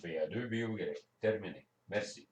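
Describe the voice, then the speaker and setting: Speaking at a normal speed, a low-voiced Quebec man who operates amateur radio walks through a casual hands-on demonstration, explaining each step, in his Quebec French accent. The mic is distant and the room echoes, with a little hiss or hum.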